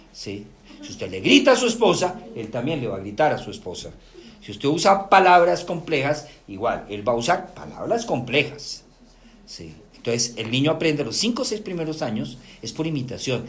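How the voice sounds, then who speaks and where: A middle-aged man with a Colombian accent giving a lively talk to an audience, often checking in with rhetorical questions. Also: a little high. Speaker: lecturer.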